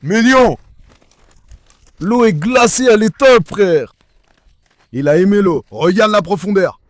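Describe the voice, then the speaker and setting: A man's voice: high-pitched, expressive, slow pace, no echo. A young man vlogging casually from his backyard pool, calling and coaxing his dogs with affection. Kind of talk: casual vlog chat.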